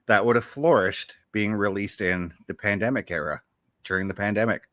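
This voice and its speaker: A man hosting a relaxed gaming podcast, his low voice carrying a bright, forward edge. He talks with eager enthusiasm, rambling and doubling back mid-sentence as he goes. The sound is close and dry. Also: normal speed, no room sound. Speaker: show host. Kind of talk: casual podcast chat about games.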